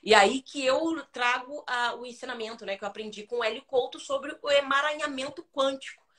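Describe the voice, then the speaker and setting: A Brazilian woman, a singer guest on a live stream, telling a childhood story with dramatic, animated retelling. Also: high-pitched, a little fast.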